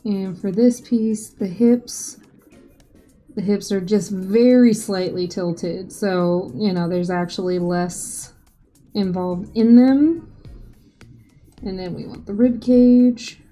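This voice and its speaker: Mellow-voiced woman, chatty tutorial host. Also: mid-range voice, slow pace. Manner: chatty, informal, lightly self-joking. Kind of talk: casual tutorial voice-over. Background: faint background music.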